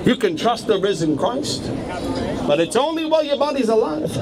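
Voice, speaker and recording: A man's voice: very high voice, big pitch swings, normal speed, a crowd in the background. A man preaching outdoors on a city street, urging listeners with repeated calls and hallelujahs. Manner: urgent, repetitive exhortation with hallelujahs. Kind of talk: open-air street preaching. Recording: loud street noise. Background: traffic and street noise.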